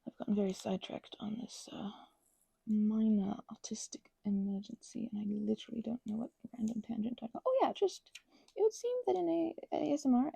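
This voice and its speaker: An ASMR creator with a dark, mellow, heavily gravelly voice that sits a little high chats softly while crafting, wandering between tangents and cutting herself off mid-sentence. She mixes soft whispers with mild exclamations, recorded close on a dry mic with no echo and craft clicks in the background.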